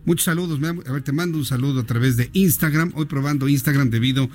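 A man's voice: mid-range voice, quick pace, a little mellow, soft background music. A Mexican man hosting a radio show in casual, joking chat and reading out listener greetings. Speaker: radio host.

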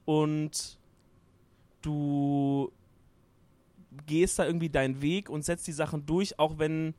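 A man's voice: on the high side, steady tone, takes it slowly, a little mellow, no echo. A man in casual group chat at a gaming event, hesitant and searching for words, with lots of fillers. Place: noisy event hall at a gaming party.

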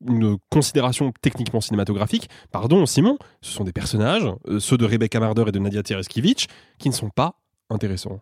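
A man debating films as a critic in a casual podcast, animated and argumentative. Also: lowish voice, quick pace, no room sound, studio quality. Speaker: film critic.

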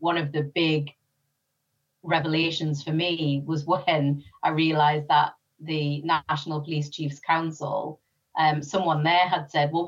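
Low-voiced British woman, distant and muffled. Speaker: interview guest, former police officer. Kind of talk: conversational interview. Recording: distant mic, dull muffled sound.

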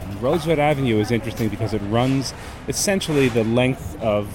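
A man's voice: mid-range voice, brisk. A man with an American accent, presenting and reporting for radio. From United States. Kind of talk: scripted radio narration and street interviewing. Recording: clear city street noise behind. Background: street and traffic noise.

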